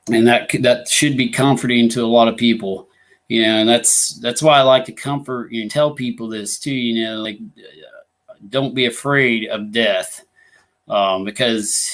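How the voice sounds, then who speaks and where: A man from Illinois who leads a ghost hunting group hosts a live talk show, chatting casually and rambling with lots of fillers and restarts. His medium-pitched voice has a fairly bright tone.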